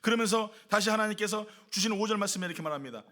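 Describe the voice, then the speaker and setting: A man's voice: high-pitched, very fast, sharp tone. A man pastor preaching a sermon at a church worship service, emphatic, stacking rhetorical questions and repeated lists.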